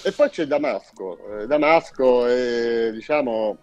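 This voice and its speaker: A man's voice: medium pitch, a little mellow, no echo. A man from Salento giving a casual radio interview as a musician guest, speaking hesitantly and searching for words. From Salento, southern Italy. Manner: hesitant, with frequent pauses and searching repetitions. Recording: dull lo-fi audio.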